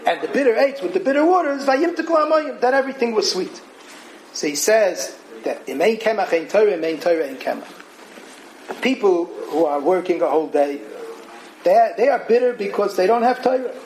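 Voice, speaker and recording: A man teaching a Torah class as a lecture, animated and singsong when he quotes verses. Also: high voice, rough recording. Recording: crowd audible behind him.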